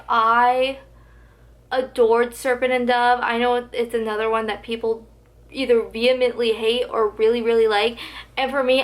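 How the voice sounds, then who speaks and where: Her voice is a little high and fairly bright as she films a casual book tag vlog. The young woman is effusive and talkative about books, peppering everything with "like," and she sounds a bit hoarse.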